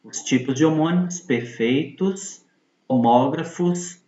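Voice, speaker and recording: A man teaches at an unhurried, deliberate pace, patiently repeating each point and checking that his listeners follow. His voice sits in a middle register and comes from some distance off the mic. The room is noticeably echoey and the recording sounds dull and muffled. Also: on the high side, mellow. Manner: slow, patient, repeats points with frequent tag questions. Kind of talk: video lesson explanation.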